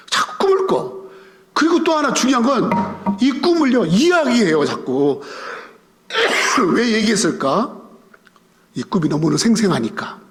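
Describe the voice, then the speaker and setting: Man, pastor, Sunday sermon, animated, rhetorical questions, echoey church hall. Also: high voice. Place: church sanctuary. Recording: reverberant church sanctuary.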